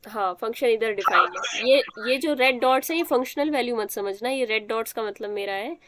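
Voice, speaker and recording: A woman's voice: fairly high pitch, a little fast, heavy background noise. A young woman teaching a math class, explaining step by step and quizzing students as she goes. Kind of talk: live online math class.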